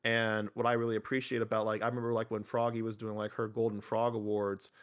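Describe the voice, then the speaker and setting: Animated man rambling in lo-fi audio. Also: fairly low pitch, quick pace, clear, resonant tone. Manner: animated, rambling with many fillers and restarts. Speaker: podcast guest, miniature painter. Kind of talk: casual conversational interview.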